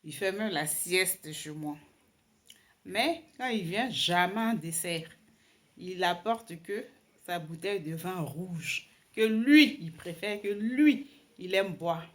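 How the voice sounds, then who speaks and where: A woman's voice: on the low side, animated, takes it slowly. A young woman telling a story time to her viewers in a casual, wry, amused way, with many fillers and restarts. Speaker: vlogger.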